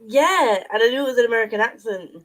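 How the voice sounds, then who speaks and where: A woman co-hosting a casual livestream chat over a video call, playful and quick to laugh. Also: a little high, expressive, poor audio. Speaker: co-host on a livestream.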